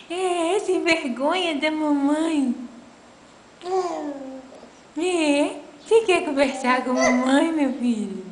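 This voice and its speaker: A woman slowly coos to her infant in a high, sing-song baby-talk voice, coaxing and drawn out. Her voice rings in a roomy, echoing space over a faint hiss. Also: a little mellow. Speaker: mother.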